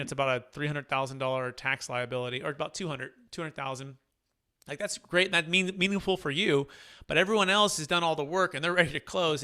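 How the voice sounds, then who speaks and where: Animated, bright-voiced male webinar host. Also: on the high side, smooth. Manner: animated, acts out quoted dialogue, many restarts. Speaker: host of a weekly tax deferral mastermind. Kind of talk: casual webinar chat, storytelling.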